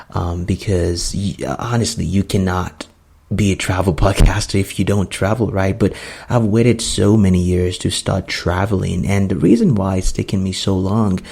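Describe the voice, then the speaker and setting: A man's voice: low voice, creaky, dark tone, husky. A man, hosting a solo podcast in an earnest, rambling way with many fillers. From Nigeria. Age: 20s. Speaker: podcast host.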